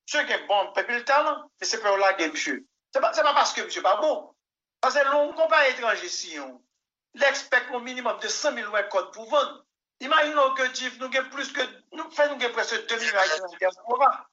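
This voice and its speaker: A man with a Haitian accent, speaking in a high, very bright and piercing voice. He answers interview questions emphatically, doubling words and acting out what others said. The broadcast audio sounds somewhat dull and lo-fi. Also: lively intonation, brisk. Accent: Haitian Creole. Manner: emphatic, repeats words, tells anecdotes with quoted dialogue. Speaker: musician guest.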